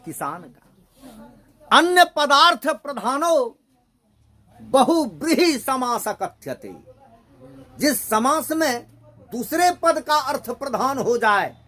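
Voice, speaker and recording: A man's voice: very high-pitched, lively intonation, slow, bright, forceful tone. A man teaching a grammar class, who keeps asking his students questions and drilling the same points again and again.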